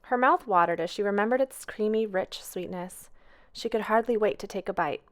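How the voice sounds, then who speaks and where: A woman reading a children's storybook aloud in a gentle, expressive, unhurried way. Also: mid-range voice. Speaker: storytime reader.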